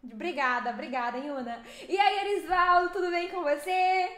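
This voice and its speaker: A young Brazilian woman streaming a driving game, chatting with viewers in a lively, fast way and laughing often. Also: very high voice, echoey room. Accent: Brazilian Portuguese. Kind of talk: live stream chat with viewers.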